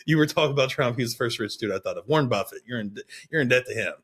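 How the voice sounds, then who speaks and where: Thirtysomething guy on a podcast, medium voice, teases a lot and laughs, quick yeps. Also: medium pitch, animated, fairly bright tone, slightly rough. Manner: teasing, laughs often, quick agreeing interjections. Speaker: podcast co-host. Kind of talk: casual chat.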